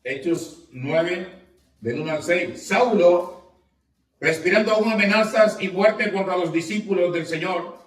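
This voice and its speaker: Male pastor, high voice, slow deliberate sermon, recorded from a distance in a reverberant church. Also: fairly bright tone. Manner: preaching with call-and-response questions; reads scripture aloud with rising emphasis. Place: church sanctuary. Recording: echoey church, mic at a distance.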